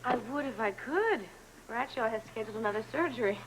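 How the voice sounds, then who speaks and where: An actress playing a busy, tired hospital nurse in a 1980s TV soap, brisk and chatty. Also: female voice, a little high, animated, noisy background, lightly acted. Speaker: scrub nurse. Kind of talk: 1980s TV soap opera acting.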